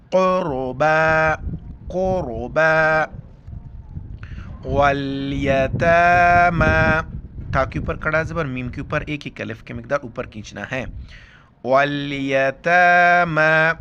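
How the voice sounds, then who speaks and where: A man teaching Quran recitation rules, explaining letter by letter and then reciting words slowly and drawn out. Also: a little high, muffled recording, background noise.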